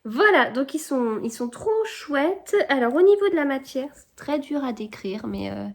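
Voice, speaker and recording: A woman's voice: high voice, big pitch swings, moderate pace, vocal fry. A woman chatting casually to her viewers in a home vlog, hesitant and full of fillers and restarts. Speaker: vlogger. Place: home indoors.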